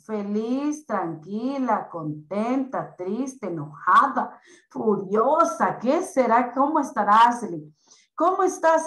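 A woman teacher speaks to young pupils over a video call, slow and drawn out, her voice a little high. The room around her rings with echo. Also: a bit bright. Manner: slow, patient, drawn-out explanations to children. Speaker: primary school teacher. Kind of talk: online class for children.

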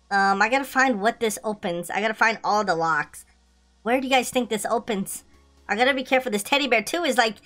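A woman with a high-pitched voice streams a horror game with playful fright. She comments in a casual, slangy way and repeats her phrases excitedly. Faint music plays behind her. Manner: scared horror game streamer, shrieking and pleading in mock fright.

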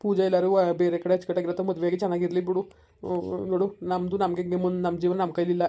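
Woman voicing a young village soldier son, soothing, rapid talk, mellow tone. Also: fairly low pitch, monotone, lightly acted. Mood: consoling. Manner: soothing, consoling. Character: young male village soldier, earnest and gentle. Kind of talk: village family drama acting.

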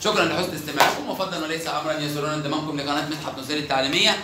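A man's voice: fairly high pitch, racing, very noisy. A man with an Egyptian Arabic accent teaching a children's grammar lesson, stretching out example words and quizzing pupils by name. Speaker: primary school teacher. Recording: echoey room, mic far off.

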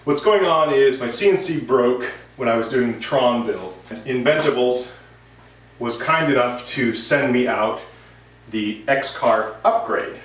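A thirty-something host of a woodworking vlog speaks a little slowly in a medium-pitched, fairly bright voice, giving a loose, chatty update to the camera. It's recorded indoors in his home workshop, sounding noisy, roomy and far off.

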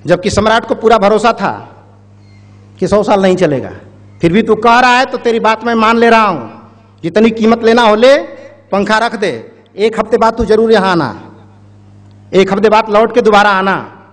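Male public speaker, high-pitched, storytelling, addresses the crowd directly, reverberant hall. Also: moderate pace, pauses often, a bit bright. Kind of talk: motivational speech with a parable. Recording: echoey hall.

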